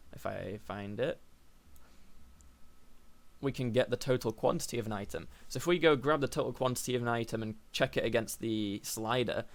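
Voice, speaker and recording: A young man hosts a casual programming tutorial, thinking aloud with fillers and self-corrections. His medium-pitched voice is slightly croaky.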